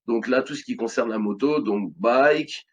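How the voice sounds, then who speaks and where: A man's voice: medium pitch, a little slow, slightly rough. A man in his thirties with a French accent, casually walking viewers through an online selling tutorial, with many fillers and restarts. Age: 30s. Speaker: online business tutorial host. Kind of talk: screen-recorded tutorial walkthrough.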